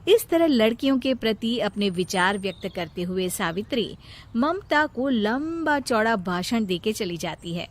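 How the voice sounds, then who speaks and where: A woman narrating a children's moral story in an even storytelling manner. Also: mid-range voice, measured pace.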